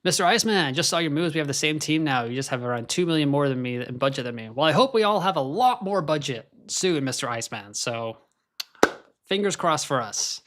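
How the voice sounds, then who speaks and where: A young man with an American accent, born in Scotland, hosts a casual live stream, chatting as he watches qualifying. His slightly high, a bit bright voice is expressive and a little fast.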